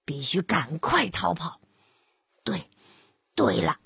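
A hungry old wolf stammers and mumbles nervously in a deep, breathy voice, as a woman reading a storybook puts him on. He hesitates constantly, sounding frightened and out of his depth. The recording is dry and close. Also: very animated, slow pace, fairly bright tone, no room sound, full character voice. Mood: worried.

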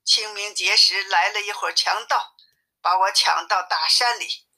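A woman reading aloud voices a female demon posing as a pitiful captive woman, pleading in a high, plaintive tone. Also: steady tone, unhurried, pushed and bright, full character voice. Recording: tinny phone-like sound.

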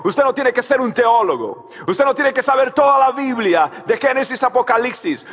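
A man preaching a sermon as pastor, telling a story and shouting out key lines while he asks the crowd to answer him. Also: extremely high pitch, breathy edge, big-room sound.

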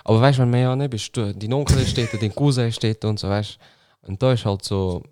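A young man with a Swiss German accent, co-hosting a podcast in relaxed casual talk. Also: medium pitch, quick pace, dry recording, studio quality. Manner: relaxed, says Bro a lot, tells family anecdotes. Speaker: podcast co-host. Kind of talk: casual chat.

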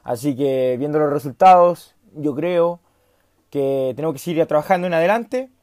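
Brief: late-teen Chilean vlogger, raised voice, dry close sound, casual and self-mocking. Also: male voice, fairly high pitch, moderate pace, darkish tone, no room sound. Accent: Chilean Spanish. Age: late teens. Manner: rambling, slangy and self-mocking, acts out the dialogue. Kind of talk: casual storytelling vlog.

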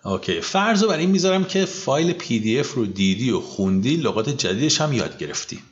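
A male English teacher runs a scripted vocabulary drill in a lively, up-and-down voice. He says each word back slowly and carefully, and his native Persian comes through in his English. The recording sounds slightly dull and muffled. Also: medium pitch. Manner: patient, repeats each word slowly for the learner. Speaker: English teacher, podcast host.

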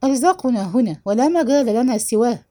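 A woman voicing a respectful but firm grown son who answers calmly in a read-aloud story. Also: on the high side, fast.

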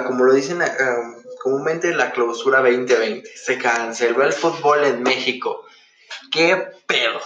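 A man's voice: medium pitch, fairly bright tone, slight background noise. An eighteen-year-old man with a Mexican accent hosting a casual, chatty podcast in a campy, sassy, slangy manner. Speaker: podcast host. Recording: dull, echoey room recording.

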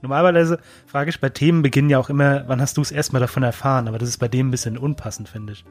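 A man's voice: mid-range voice, steady tone, fast, soft background music. A man co-hosting a casual podcast, teasing his partner in a dry way and laughing along. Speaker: podcast co-host. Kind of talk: casual chat.

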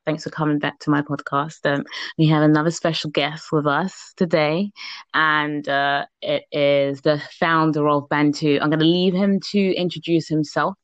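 A woman's voice: low voice, steady tone, moderate pace, dry recording. Podcast host, woman, upbeat and chatty, dry muffled call sound. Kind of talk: casual podcast interview.

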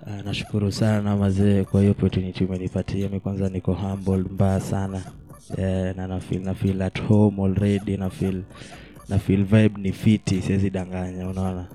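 Deep, very flat-toned Kenyan male DJ. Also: a little fast. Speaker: DJ, interview guest. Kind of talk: casual chat with slang.

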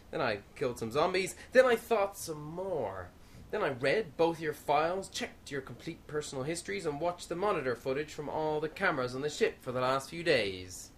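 A woman's voice: low voice, a little hiss or hum. A woman playing a vain, boastful male commander of a space station in an audio comedy. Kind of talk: comic radio-play acting.

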